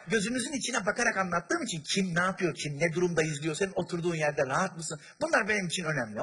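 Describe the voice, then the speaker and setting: A man from Turkey performing stand-up comedy on a large theater stage, telling stories with acted-out voices and chatting with the audience. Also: sits high. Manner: animated storyteller, acts out voices, chats with the audience. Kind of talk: stand-up comedy with crowd work.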